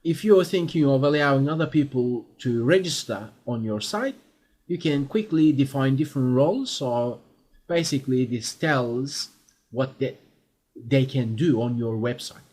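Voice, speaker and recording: A man with a medium-pitched voice and lively intonation instructs a screen-recorded software tutorial, explaining with fillers and quick checks for understanding.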